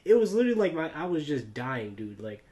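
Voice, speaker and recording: American dude on a podcast rambling thru a story, lots of slang, voice a bit higher. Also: male voice, sing-song, quick pace, dark tone, muffled recording. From United States. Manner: rambling, slangy, keeps saying like, dude and bro. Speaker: YouTuber, podcast host. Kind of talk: casual chat, personal storytelling.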